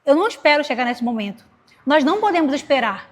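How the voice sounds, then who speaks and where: A woman's voice: high-pitched, big pitch swings, fast. A woman preaching a sermon to a women's group, speaking conversationally and telling personal stories while addressing the listeners directly. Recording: long hall reverb.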